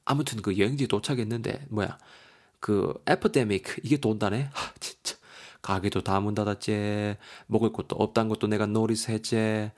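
A man's voice: fairly low pitch, fairly even intonation, moderate pace, natural voice. A man voicing a young man with a Gyeongsang accent who rambles on, complaining about a trip gone wrong. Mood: griping. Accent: Gyeongsang Korean. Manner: complaining, one-sided rambling.

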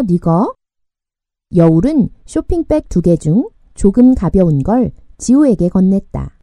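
A woman narrating a young adult novel in a calm, measured audiobook reading on a close mic. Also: medium pitch, no room sound.

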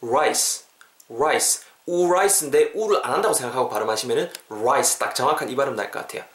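A man, teaching English on a casual podcast and repeating example phrases slowly and clearly. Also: medium pitch, expressive, echoey room.

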